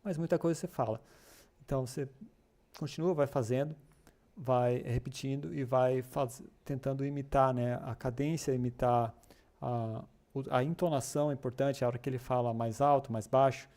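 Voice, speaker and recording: Chatty man with a mellow voice. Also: mid-range voice. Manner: chatty, encouraging, many filler tags and restarts. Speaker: English class host for a developer community. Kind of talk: casual live-stream lesson reading chat comments.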